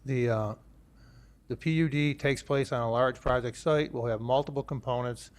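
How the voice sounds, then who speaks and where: A man, the town planning director, presenting a proposal at a public board meeting, speaking with many fillers and restarts. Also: mid-range voice. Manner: halting, many fillers, jokey asides.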